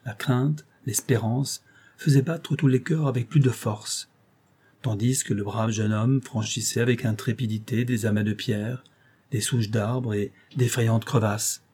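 A man reading a classic tale aloud in a measured, expressive literary manner. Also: mid-range voice, slightly rough. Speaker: audiobook narrator. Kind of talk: scripted narration of a classic tale.

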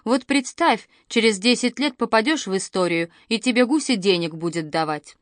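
A woman's voice: medium pitch, expressive, normal speed, dry recording, studio quality, close to an everyday voice. A woman voicing a grown daughter in a storybook reading, plaintive and full of shame. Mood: ashamed. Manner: plaintive, self-reproaching. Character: adult daughter, ashamed and tearful.

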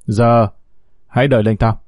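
A man's voice: mid-range voice, flat delivery, darkish tone, no room sound, clean studio sound, close to an everyday voice. A man doing a cold, cutting kidnapper. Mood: menacing. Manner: menacing, slow and cutting. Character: cold, sharp-voiced male kidnapper.

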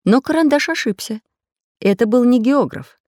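A woman narrating a children's fairy tale audiobook in a lively storytelling way. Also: fairly high pitch, moderate pace, no echo, studio quality.

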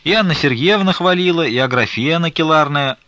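A man's voice: on the high side, expressive, a little fast, pushed and bright, dry recording, pitched above the performer's own voice. A man voicing a polite, obliging male church singer visiting a convent. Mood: courteous. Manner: courteous, obliging. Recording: dull lo-fi dry recording.

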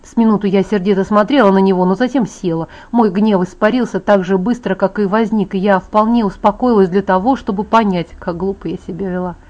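A woman's voice: medium pitch, steady tone, a little fast, few pauses, darkish tone. A woman narrating a first-person story as an audiobook, reading steadily with small hesitations. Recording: dull lo-fi audiobook file.

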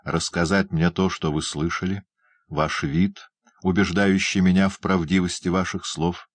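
A gentle, kind young lady speaks earnestly, trying to persuade, in a storybook reading, voiced by a man. The voice is very low and dry, recorded close without echo. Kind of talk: audiobook character reading.

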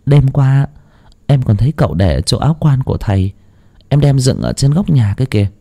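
A man voicing a gentle second wife of a household in a storybook tale, speaking softly and politely. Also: medium pitch, very animated, moderate pace, vocal fry, voice pushed up. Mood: helpful.

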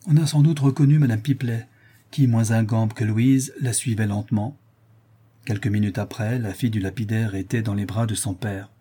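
A male audiobook narrator reading a classic novel, measured and expressive. His tone is mellow and dark, with a husky edge. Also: lowish voice. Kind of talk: scripted literary narration.

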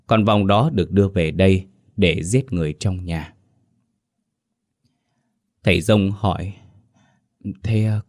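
A man narrating a ghost story in a steady, measured storytelling voice. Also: low-pitched, dry recording, studio quality.

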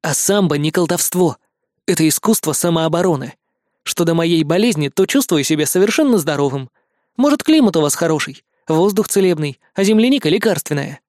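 A man's voice: fairly high pitch, lively intonation, fairly quick, darkish tone, dry recording, lightly acted. Earnest schoolboy voiced by a man; plain, close to the reader's own voice. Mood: indignant. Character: honest fifth-grade boy.

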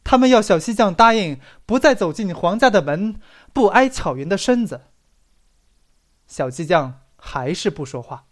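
Dramatic phrases get special emphasis as an audiobook reader performs a literary story in a vivid storytelling manner. The pitch is medium and the pace moderate.

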